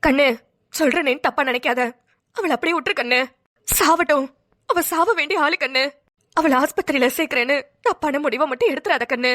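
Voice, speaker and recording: A woman voicing a stern, resolute elderly village grandmother in a cartoon, speaking bluntly and gravely. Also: high-pitched, fairly bright tone. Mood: resigned. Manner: blunt, unrepentant, slow and grave. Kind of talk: cartoon voice acting.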